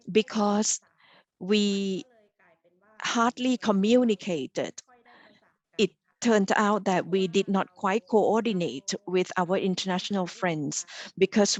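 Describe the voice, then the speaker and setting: A woman interpreting interview answers in deliberate, halting phrases. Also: mid-range voice, dry recording, rough recording.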